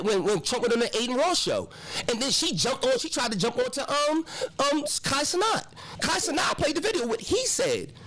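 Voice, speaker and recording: A man's voice: very high-pitched, fairly bright tone, a little hiss or hum, low-quality recording. A man hosting a live show, arguing politics heatedly and repeating himself to hold the floor.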